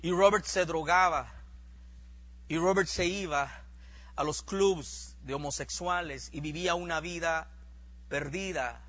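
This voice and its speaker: High bright-voiced preacher telling a story. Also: male voice, a little slow. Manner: dramatic storytelling. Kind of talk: sermon testimony.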